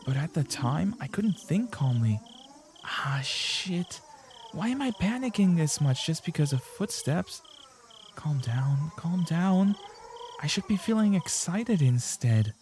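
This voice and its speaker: A frantic teenage girl's racing inner voice, read out by a man in his own fairly high register. Tense and jittery, she keeps talking herself down from panic. It sounds like a visual novel read aloud. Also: very animated, a little slow, mellow, slight background noise. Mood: panicked. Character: panicking teenage girl sneaking through a school.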